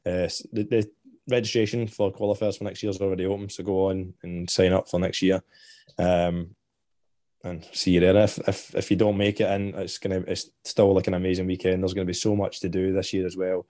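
A man's voice: low-pitched, little pitch movement, a little fast, warm tone, dry recording, clean studio sound. A Scottish man chatting as a podcast guest, rambling with many fillers and restarts. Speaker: podcast guest, festival organizer. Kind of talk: casual podcast chat.

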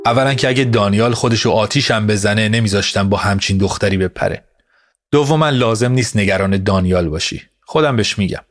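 A man's voice: on the low side, close to an everyday voice. A man doing a pleading, defensive husband. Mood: self-righteous. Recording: music bed behind voice.

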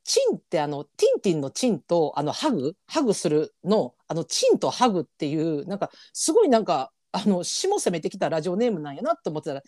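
Kansai woman co-host; rapid, bouncy delivery, lots of laughter, lower-pitched and warm. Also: no echo, studio quality. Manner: rapid, excitable, laughing banter. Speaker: podcast co-host. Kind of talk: casual podcast chat.

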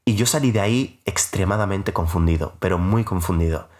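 A man's voice: low voice, brisk, a little mellow. A young man in his twenties hosting a podcast, telling a personal story in a casual, rambling, self-mocking way with many filler sounds.

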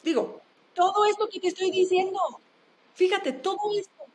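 A woman with a Mexican accent speaks in a bright, high register. She talks in a casual, animated way and stresses her points hard. She keeps firing off quick rhetorical questions. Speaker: guest, open-water swimmer and speaker. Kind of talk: casual interview talk.

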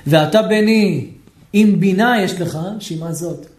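A man, a rabbi, teaching a lively Torah lesson, questioning his listeners and acting out shouting people. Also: high-pitched, echoey room. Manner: animated, asks the audience questions, acts out shouting people.

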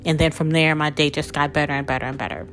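A woman's voice: low voice, fairly even intonation, fast talker, fairly bright tone, soft background music. A woman podcast host and spiritual coach, talking casually and candidly through personal stories, with lots of "like" and "you know".

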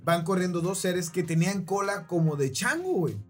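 A man's voice: high-pitched, animated, normal speed, soft background music. Rambling Mexican man telling a story. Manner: rambling, keeps checking in with listeners. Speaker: podcast host. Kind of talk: casual storytelling.

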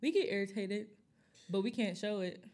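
A woman's voice: medium pitch, normal speed. A woman in her twenties co-hosting a casual chat, telling stories with lots of laughs and fillers. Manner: animated storytelling, frequent laughter and fillers. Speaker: podcast co-host.

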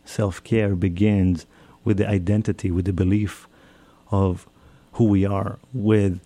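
A man's voice: fairly low pitch, level tone, unhurried, mellow, dry recording. A man, giving a reflective personal talk and often repeating and rephrasing his phrases. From Israel. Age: 30s. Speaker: speaker. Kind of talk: personal talk on self-care.

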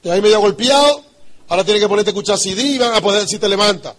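A man's voice: high-pitched, racing, fairly bright tone. A man with a Dominican Spanish accent giving a motivational business talk, emphatic and repetitive, often asking his listeners rhetorical questions. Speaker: business trainer.

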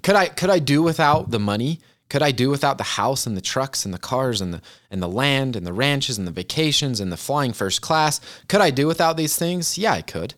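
A podcast host in his twenties gives a casual motivational talk about goals, chatting with listeners like friends and calling them "you guys." His mid-range voice is animated and fairly bright, moving at a fairly quick pace with few pauses, and he comes across as earnest and chatty.

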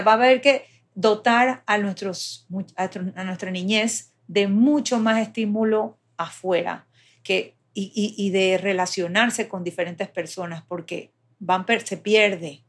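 A woman's voice: mid-range voice, unhurried. A woman explaining child development step by step in a patient, conversational way.

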